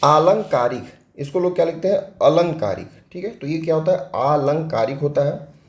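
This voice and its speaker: A man's voice: fairly high pitch, lively intonation, normal speed, roomy sound. A man teaching a spelling lesson for exam prep. He explains step by step with a Hindi accent, asking questions and answering them himself.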